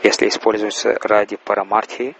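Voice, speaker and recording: A man interpreting a religious lecture in a halting way, with pauses and restarts. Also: fairly low pitch, little pitch movement, creaky, fairly bright tone, a little hiss or hum, poor audio.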